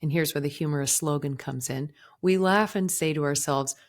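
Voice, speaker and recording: A woman in her forties, a podcast host, sharing a gentle, earnest personal reflection. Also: sits low, normal speed. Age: 40s. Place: indoors.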